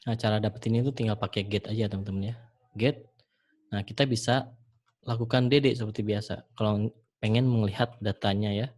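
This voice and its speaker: A man teaching programming in a screen-recorded tutorial, talking the viewer through each step in a relaxed way with frequent fillers. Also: on the low side, brisk. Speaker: programming instructor.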